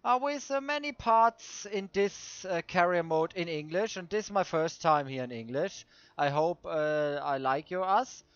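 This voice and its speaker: A man with a Swiss German accent, a native German speaker, hosting casual gameplay commentary and searching for his words in halting English. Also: a little high, animated, fairly bright tone, smooth, no room sound. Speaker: host of a racing game video series. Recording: dull lo-fi dry microphone.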